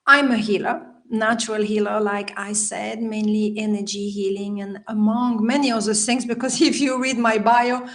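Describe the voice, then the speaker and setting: This podcast guest, a Belgian healer and life coach who speaks with a Belgian French accent as a native French speaker, talks at normal speed with hardly any pauses. Her medium-pitched voice keeps fairly even intonation as she laughs often and uses non-native phrasing in a casual video-call interview.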